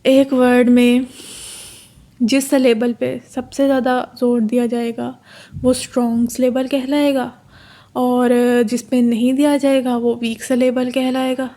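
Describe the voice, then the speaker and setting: A woman tutor with a Pakistani Urdu accent giving a casual exam-prep lecture, explaining step by step and reading English terms out slowly. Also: sits high, flat delivery, dark tone.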